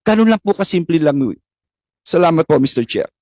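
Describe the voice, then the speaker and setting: Isang lalaking opisyal ng gobyerno na mahinahon at mapagpakumbabang nagpapaliwanag sa isang pagdinig. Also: male voice, on the high side, lively intonation, a little mellow, no room sound. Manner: measured, conciliatory, explaining. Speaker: government official answering questions. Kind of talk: formal hearing testimony. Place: hearing room.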